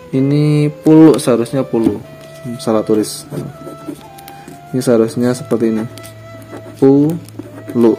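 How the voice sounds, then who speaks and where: A man gives a patient, step-by-step lesson and says each example word slowly. He often repeats himself and stops to fix his own mistakes. Soft music plays quietly behind him. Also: medium pitch. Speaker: teacher. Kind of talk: screen lesson on Pegon script.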